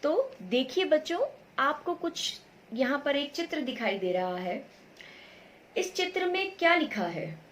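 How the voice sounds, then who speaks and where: A woman's voice: sits high, animated, unhurried, slight background noise. A woman teacher giving a patient online lesson to young children, asking questions and answering them herself, and drawing out sounds so they can be copied. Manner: stretches sounds out to model pronunciation.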